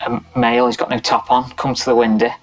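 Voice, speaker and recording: A middle-aged man, a police officer recounting a night shift in a documentary interview, in a steady, matter-of-fact way. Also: mid-range voice, fast, slight background noise, poor audio.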